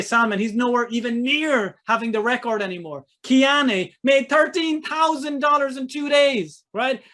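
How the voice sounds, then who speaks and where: A man hosting a live online webinar as a business coach, giving an energetic sales pitch and checking in with his audience with "right?" and "okay?".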